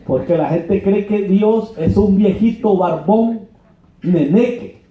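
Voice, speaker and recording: A pastor from Honduras preaching a sermon in a church, colloquial and mocking, acting out quoted dialogue. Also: male voice, high-pitched, slow pace. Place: church hall. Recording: echoey church, dull lo-fi sound.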